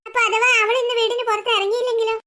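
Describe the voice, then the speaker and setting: A woman's voice: extremely high pitch, little pitch movement, racing, bright, forceful tone. A woman voicing a teasing young male sidekick in a cartoon, doubtful of his friend's plans. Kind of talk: cartoon voice acting.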